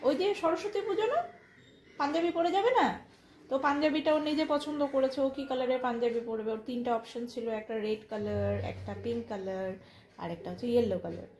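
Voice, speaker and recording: A woman's voice: fairly high pitch, fast talker, darkish tone, slight background noise. A woman chatting casually through a home vlog, coaxing her young son in a sing-song way. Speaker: vlogger and mother.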